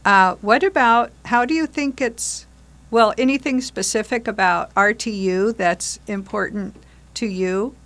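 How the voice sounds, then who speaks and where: An older woman from a community theater group talks conversationally in a medium-pitched, slightly bright voice, a little slow. She explains things and poses questions in the discussion.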